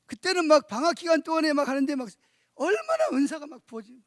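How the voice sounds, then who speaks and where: A middle-aged male pastor delivers a sermon at a church conference, telling stories animatedly and frequently putting rhetorical questions to the congregation. His voice is very high-pitched and fast, recorded with clean studio sound and no echo.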